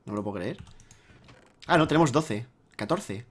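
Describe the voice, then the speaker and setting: A man's voice: medium pitch, animated, moderate pace. A young man with a Spanish accent hosting a casual gaming session, teasing his friend and repeating himself insistently. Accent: Spain Spanish. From Spain. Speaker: gaming channel host. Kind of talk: casual let's-play banter.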